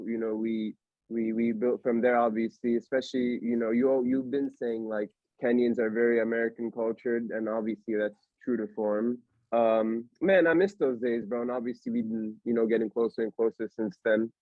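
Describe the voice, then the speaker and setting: In a phone-quality recording with no room sound, a young adult man from Allentown, Pennsylvania hosts a podcast in a mid-range voice. His casual chat rambles along with slang and frequent fillers.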